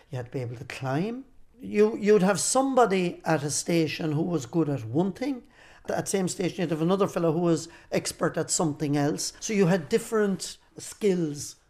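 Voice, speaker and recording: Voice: medium pitch, mellow. An older person with an Irish accent from Cork, telling stories conversationally as a local guide and building up lists with repeated phrases. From County Cork, Ireland. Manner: explains by listing and repeating phrases for emphasis. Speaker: interviewee and local lighthouse guide who grew up in a keeper's family. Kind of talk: conversational storytelling and guided reminiscence.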